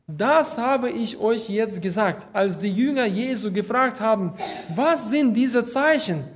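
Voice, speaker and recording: A man preaches a sermon, reading Bible verses aloud and explaining them slowly and deliberately with some hesitations. His voice is high-pitched and his intonation lively.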